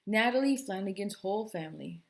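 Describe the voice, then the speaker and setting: A woman voicing a young girl who speaks in flat, simple, repetitive phrases. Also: medium pitch, fairly quick, vocal fry. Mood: matter-of-fact.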